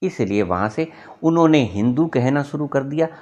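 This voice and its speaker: A man gives a sermon as a spiritual teacher. He tells it as a story, with a voice of ordinary pitch for a man, and mimics other voices for humor. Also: animated, moderate pace, a little mellow, muffled recording.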